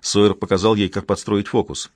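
Low-voiced male audiobook narrator. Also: level tone, brisk, darkish tone, dry recording. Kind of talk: scripted narration.

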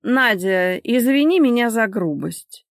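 A shrill, spiteful young wife in an audiobook drama, put on by a woman narrator. Her voice sits high above the narrator's own and comes out loud and cutting. The recording is dry and close. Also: expressive, moderate pace, no echo. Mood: sulky spiteful. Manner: sharp, shrill and indignant.

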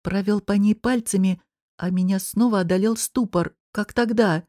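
A woman narrating a first-person audiobook in an even, measured way. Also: medium pitch, no echo, clean studio sound.

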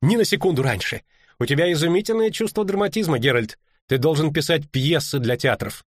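Man doing a cheeky, high-voiced showy bard. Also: expressive, a little fast, husky, no echo, clean studio sound. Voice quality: high, impudent. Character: cheeky flamboyant male bard, brash and showy.

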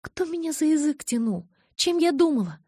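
A woman speaking as a stubborn young woman, sharp and raised in tone. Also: high voice, sing-song, normal speed, dry recording, studio quality, voice pushed up. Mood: remorseful.

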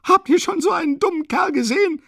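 A male audiobook reader voicing a frantic, hysterical impoverished woman who screams accusations in a high, strained falsetto. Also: level tone, moderate pace, mellow, no room sound, clean studio sound, lightly acted. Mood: hysterical fury.

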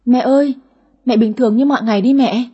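A woman's voice: fairly high pitch, fairly even intonation, brisk, warm tone, husky, dull audio. A woman doing a whiny, greedy 30s daughter. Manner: whiny, cheeky. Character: aged-36 daughter, greedy and sulky, high whiny voice.

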